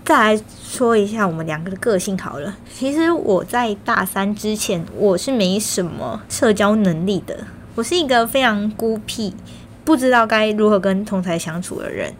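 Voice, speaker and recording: A woman's voice: mid-range voice, expressive, normal speed, slight background noise. A young woman with a Taiwanese Mandarin accent tells personal stories casually and chattily, with slightly slurred articulation from wearing braces. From Kaohsiung, Taiwan. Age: young adult. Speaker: vlogger.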